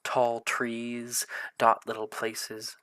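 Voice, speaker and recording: Slow, rambling male game master. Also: medium pitch, completely flat delivery, sharp tone, clean tone. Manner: loose, hesitant narration full of ums and likes. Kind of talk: narrating a tabletop horror game.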